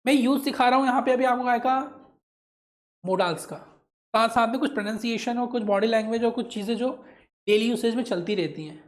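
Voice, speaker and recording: A man teaching English grammar with an Indian English accent, drilling words slowly and asking the class to repeat them. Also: extremely high pitch. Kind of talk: classroom lesson, call and response.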